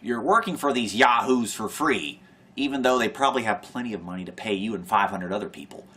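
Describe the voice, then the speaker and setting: A man's voice: lowish voice, brisk, bright, forceful tone. A young man talking to camera in a rambling, sardonic monologue, sighing often and trailing off mid-thought. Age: young adult. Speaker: vlogger.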